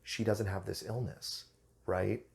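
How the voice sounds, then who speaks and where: A man's voice: lowish voice, fairly even intonation, slow pace, gravelly. A man hosting a review channel, talking through a TV episode in a chatty, enthusiastic way with fillers and restarts. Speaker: host of a book and film review channel. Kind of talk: casual review commentary.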